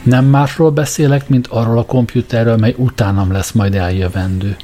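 A man reading the part of a vast male supercomputer that speaks with slow, grand dignity. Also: mid-range voice, steady tone, mellow, faint music behind, natural voice. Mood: solemn.

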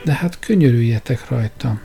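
A hunted male engineer in a storybook, pleading and out of breath, as a male narrator puts him on. His low voice carries a gravelly edge. He sounds close to panic. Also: mellow, soft background music, natural voice. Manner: pleading, panting.

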